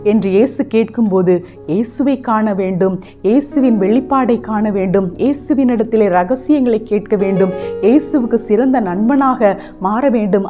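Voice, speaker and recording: A woman's voice: mid-range voice, warm tone. A woman giving a devotional sermon in Tamil, earnestly speaking straight to her listeners and asking them repeated questions. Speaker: preacher. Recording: music playing under the voice.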